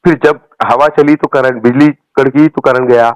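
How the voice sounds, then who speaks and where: This party supporter speaks in a steady, mid-range voice at a moderate pace, with no echo on the line. He has a Hyderabadi accent, comes from Telangana, India, and on a recorded phone call he launches into a casual political rant, emphatic and colloquial and repeating himself often.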